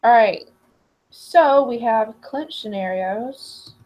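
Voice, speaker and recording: A woman's voice: a little high, slow, a little mellow, slight background noise. A young woman co-hosting a podcast, chatting casually, laughing and often restarting her sentences. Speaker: podcast co-host. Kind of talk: casual chat. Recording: slightly dull lo-fi audio.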